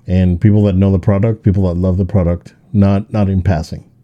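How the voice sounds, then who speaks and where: A man's voice: low-pitched, steady tone, a little fast, muffled recording. A man co-hosting a casual podcast chat, talking with many hesitant restarts and fillers. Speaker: podcast co-host.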